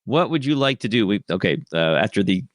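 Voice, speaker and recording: A man's voice: on the low side, very animated, a little fast, no echo. Guy running the game, chatty, laughs a lot, bouncy voice, dry mic. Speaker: game master. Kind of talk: casual chat among players.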